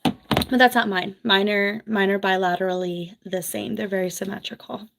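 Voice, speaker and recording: This medium-pitched, creaky female voice with fairly even intonation belongs to a former nurse from New Jersey, East Coast US, who has a Philadelphia accent. Reading viewer comments on a laid-back livestream, she's chatty and frank, tossing off quick asides with laughs.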